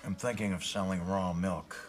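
An actor playing a formal, fussy older father who speaks deliberately in a sitcom. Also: deep voice, fairly even intonation, over music, close to an everyday voice. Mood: measured. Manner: deliberate and formal, building to exasperated yelling. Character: fussy, exasperated middle-aged father and businessman. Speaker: father, would-be milk seller. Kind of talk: sitcom acting.

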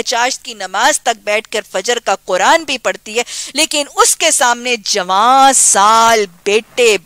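A woman's voice: on the high side, a bit bright, no room sound. A middle-aged woman with a Pakistani Urdu accent giving a religious lecture as a Quran teacher. She speaks earnestly and exhorts, repeating phrases for emphasis.

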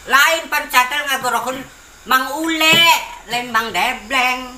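A man doing a bright cheeky village lad. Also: extremely high pitch, slight background noise, heavily acted. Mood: joking. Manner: teasing, banters back quickly. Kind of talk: Sundanese puppet-show comedy. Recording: echoey room, faint ambience.

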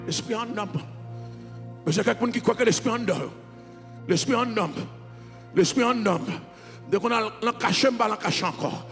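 A man's voice: high voice, brisk, fairly bright tone. A man with a Haitian accent, a pastor preaching a fervent, sing-song sermon. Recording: reverberant hall with music behind.

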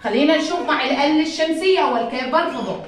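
A woman with a Jordanian Arabic accent teaching a first-grade phonics lesson, sounding out letters slowly and drawing them out. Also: high-pitched, roomy sound, a little hiss or hum. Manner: slow, drawn-out sounding of letters, sings short chants. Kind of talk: children's phonics lesson with sung chants.

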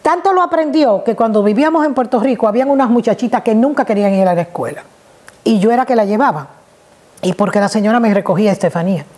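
An older woman psychologist giving casual parenting advice, telling stories with lively acted voices. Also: fairly high pitch, fast talker. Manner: lively storytelling, acts out voices. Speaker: psychologist and host. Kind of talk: casual advice talk with anecdotes.

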